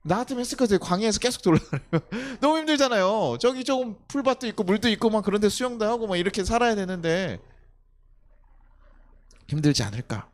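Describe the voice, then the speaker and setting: A man's voice: high-pitched, animated, fast, hardly any pauses. A young man preaching at a night service as pastor, talking with the congregation, asking rhetorical questions and sometimes acting out scolding a child. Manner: acts out scolding a child with loud outbursts. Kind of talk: sermon.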